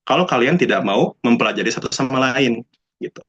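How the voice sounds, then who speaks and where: A man's voice: medium pitch, lively intonation, brisk, a bit bright, husky. A young man speaks in a mid-range voice, talking casually to a room of students. He keeps it chatty, slips into English phrases and acts out the people he quotes. The recording sounds dull and lo-fi. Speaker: alumnus speaker.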